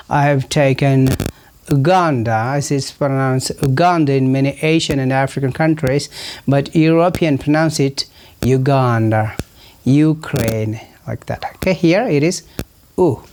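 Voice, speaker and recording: A teacher giving a pronunciation lesson, saying each example word slowly and repeating it in simple sentences. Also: mid-range voice, a little mellow, a little hiss or hum, low-quality recording.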